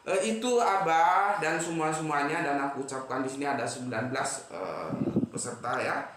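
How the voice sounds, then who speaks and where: A man's voice: a little high, moderate pace, a bit bright, very echoey, slight background noise. A man in his fifties from Sumatra, a religious speaker addressing a discussion group in a blunt, outspoken and emphatic way. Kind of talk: impassioned speech to a study group.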